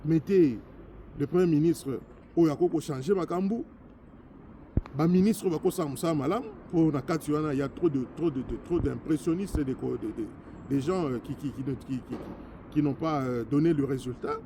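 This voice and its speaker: A former MP from DR Congo speaks with a Congolese accent, his voice slightly high, mellow and at normal speed, with a little hiss or hum behind it. Passionate and insistent, he repeats himself as he moves between French and Lingala in a political speech.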